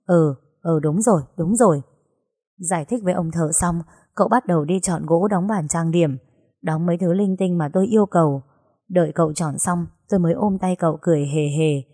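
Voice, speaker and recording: A woman narrating a story in an even storytelling manner. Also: lowish voice, a little fast.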